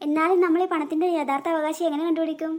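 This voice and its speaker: A woman's voice: high voice, flat delivery, very fast, darkish tone, close to an everyday voice. A woman voicing a caring older girl, a big sister, in a cartoon, kindly and questioning. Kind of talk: cartoon voice acting.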